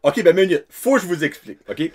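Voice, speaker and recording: A man's voice: high voice, animated, brisk. A man hosting a podcast, chatty and joking at his own expense. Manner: joking, self-deprecating, chatty. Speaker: podcast host. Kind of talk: casual chat.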